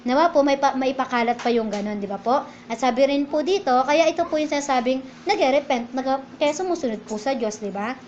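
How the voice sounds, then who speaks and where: A Filipino woman preaches in a high voice, talking to her congregation as if in conversation and often asking them to agree. The recording sounds a little dull, with a faint hum behind her. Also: brisk, a little mellow. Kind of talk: sermon. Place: church.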